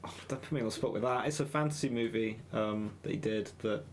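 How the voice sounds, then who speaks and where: A man's voice: fairly low pitch, quick pace, a little hiss or hum. A man guesting on a casual film podcast, hesitant and self-deprecating, laughing at himself. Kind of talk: casual film review chat.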